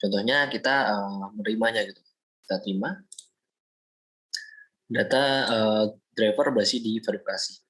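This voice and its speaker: A young man from Indonesia, a student, explaining a software project step by step in a screen-recorded walkthrough, often pausing with fillers. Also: lowish voice, low-quality recording. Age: young adult. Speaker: student presenting a project demo.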